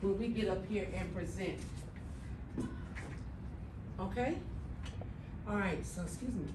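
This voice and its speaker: A woman teaching a middle school class speaks slowly in a medium-pitched voice, emphatic and regularly checking on her students. The echoey classroom recording has a distant mic and a noisy background.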